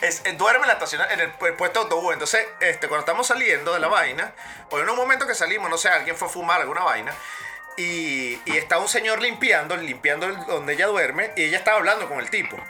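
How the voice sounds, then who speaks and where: A man's voice: fairly high pitch, expressive, quick pace, pushed and bright, faint music behind. A young man with a Venezuelan accent telling a story in casual, slangy, laughing chat.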